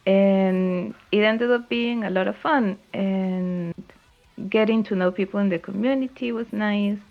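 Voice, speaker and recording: A woman's voice: mid-range voice, fairly even intonation, measured pace. Cheerful woman from Venezuela, muffled mic. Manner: cheerful, easygoing, laughs between sentences. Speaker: podcast guest, video editor. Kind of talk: casual podcast chat. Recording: muffled lo-fi mic with faint music.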